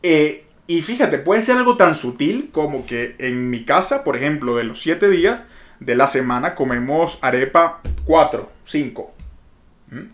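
A Venezuelan man co-hosting a podcast, talking in a reflective, emotional way that often trails off softly. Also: on the high side, animated, measured pace, echoey room. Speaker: podcast co-host. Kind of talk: casual conversation.

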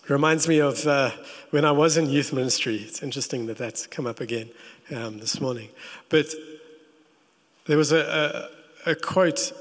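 A man preaching a sermon as pastor. He tells the story in an animated way and makes playful asides to the congregation. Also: mid-range voice, normal speed, pauses often, in a large hall.

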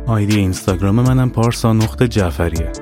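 A man narrating a scripted horror story in a steady, matter-of-fact way. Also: lowish voice, music in the background. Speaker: narrator and writer.

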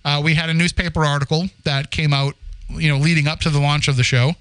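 A podcast host in his forties, originally from near Boston, speaks fast in a fairly high-pitched, steady voice that is bright and smooth. In a dry recording, he rambles casually through the podcast's story with frequent restarts and laughter.

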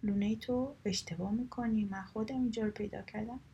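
A woman voicing a quarrelsome, hot-tempered male squirrel in a children's storybook, speaking loudly and indignantly. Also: mid-range voice, creaky, dull audio, slight background noise, close to an everyday voice. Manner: loud, indignant.

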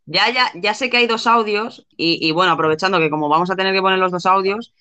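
Woman co-host, bright, dry sound, halting delivery. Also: medium pitch, clean tone, no echo. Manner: hesitant, many fillers and restarts. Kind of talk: casual live podcast chat.

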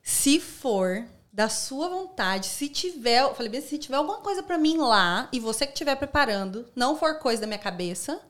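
A woman's voice: high voice, animated, normal speed, few pauses, fairly bright tone. A young adult woman with a Brazilian accent, a podcast guest telling a personal story in a casual, slangy way and acting out the lines she quotes. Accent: Brazilian Portuguese.

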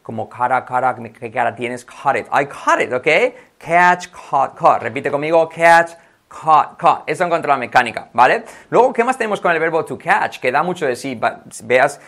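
A man teaching a language lesson online, lively and chatty, often checking in with the viewer and repeating words for practice. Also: medium pitch. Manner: lively, keeps checking in with "vale" and "ok"; models words by repeating them.

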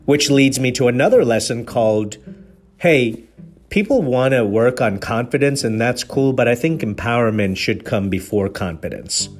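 Speaking at normal speed in a mid-range voice, a podcast host from Kenya gives a sincere, sermon-like motivational talk on leadership, asking rhetorical question after rhetorical question.

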